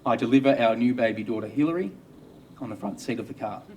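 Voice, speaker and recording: A man's voice: medium pitch, fast talker, darkish tone, far from the mic, slight background noise. Wry Australian man telling his story. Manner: wry, dry humour. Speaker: obstetrician. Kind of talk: first-person storytelling monologue.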